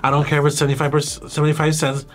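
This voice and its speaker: A man's voice: a little high, completely flat delivery, very fast, faint music behind. A young man co-hosting a casual recap chat, gossipy and laughing, swearing freely. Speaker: podcast co-host.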